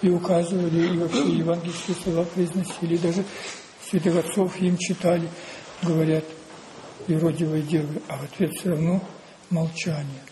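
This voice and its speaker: A male preacher delivering a sermon in a dark, mellow voice. He talks slowly and deliberately, circling back to the same phrases and putting rhetorical questions to his listeners. A faint hiss sits under his voice. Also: fairly high pitch, flat delivery, rough recording.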